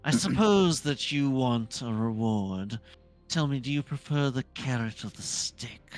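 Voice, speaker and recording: A game master voicing a coolly condescending, commanding female dominatrix pixie in a tabletop game, speaking deliberately. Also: medium pitch, expressive, faint music behind, close to an everyday voice.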